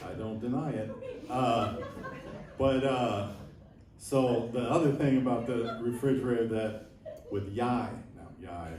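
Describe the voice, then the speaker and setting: A man in his sixties doing a stand-up set, rambling and self-deprecating with lots of halting fillers. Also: medium pitch, darkish tone. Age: 60s. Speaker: stand-up comedian. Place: live comedy venue with audience laughing. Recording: echoey room, mic at a distance, crowd laughter.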